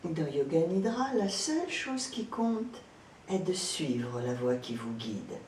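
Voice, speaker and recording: A yoga nidra instructor with a low voice guides a relaxation meditation slowly, giving spoken instructions in a calm, gentle, soothing way with frequent pauses. The mic is distant, with roomy echo, background noise and rumble.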